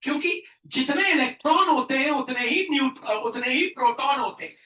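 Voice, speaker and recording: A man tutoring a class, quizzing and answering himself with sudden loud emphasis. His tone is bright and sharp. The voice bounces around an echoey room, picked up from a distance. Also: extremely high pitch, moderate pace, slight background noise. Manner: asks questions and answers them himself, loud bursts of emphasis; mixes English science terms into Hindi. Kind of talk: classroom chemistry lesson.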